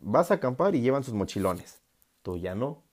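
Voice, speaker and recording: A man's voice: big pitch swings, moderate pace. A young man with a Mexican accent talking casually to his audience, joking and laughing, then turning earnest. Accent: Mexican Spanish. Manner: joking, laughing, mocks others in put-on high voices. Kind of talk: casual monologue.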